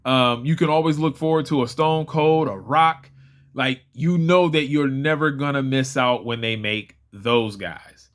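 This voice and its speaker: A man's voice: medium pitch, unhurried. A man vlogging a casual toy figure review, chatty and rambling, often restarting his sentences. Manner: chatty, rambling, self-correcting.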